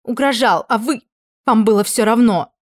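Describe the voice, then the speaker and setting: A desperate, scheming queen whose voice shoots up high and turns shrill as she pleads and protests, as a woman reader plays her. The pitch sits well above the narrator's own, loud and strained. The sound is dry and close, as in an audiobook. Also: moderate pace, no room sound, lightly acted. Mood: indignant.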